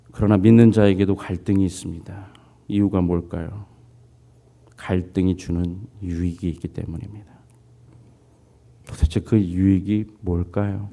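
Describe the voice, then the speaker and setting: A man preaching a sermon as pastor, telling a story, putting on voices for its people and asking the congregation questions. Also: low voice. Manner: lively storytelling, voicing characters, asks congregation questions.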